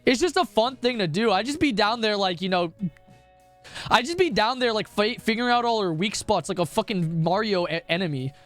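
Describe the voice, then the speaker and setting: Young male streamer, high-pitched, talks in foul-mouthed rambling tangents over soft music. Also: lively intonation, brisk. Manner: crude, rambling, profane storytelling. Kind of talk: casual chat.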